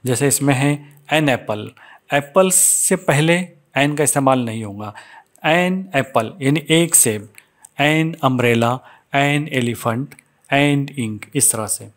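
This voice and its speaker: Male teacher, mid-pitched voice; explains step by step, drawls through English rules. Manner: explains in Hindi with Urdu words, reads English rules slowly. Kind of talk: explanatory grammar lesson.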